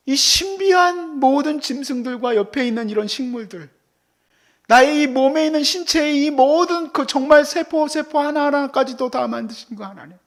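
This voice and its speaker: A man preaching a sermon, dropping to near whispers and then rising to loud, exclaiming outbursts, acting out the voices of the people in his story. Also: high voice. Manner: acts out God's and friends' voices in the sermon. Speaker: pastor. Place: church service.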